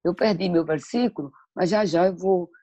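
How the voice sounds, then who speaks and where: A woman's voice: on the low side, moderate pace, dark tone. A woman speaking at a church talk on motherhood, telling stories and reading scripture in a reflective way. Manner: reflective, storytelling, quotes scripture.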